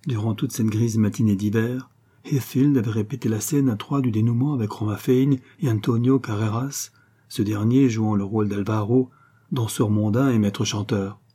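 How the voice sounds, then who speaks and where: Low, husky male audiobook narrator. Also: steady tone, warm tone. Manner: measured, literary reading.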